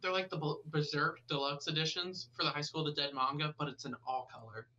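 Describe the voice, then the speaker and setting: An excitable young man co-hosts a casual podcast. His voice is bright and a little high, and he talks with eager energy. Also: a little fast, muffled recording. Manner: excitable, says bro a lot. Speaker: podcast co-host. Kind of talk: casual chat.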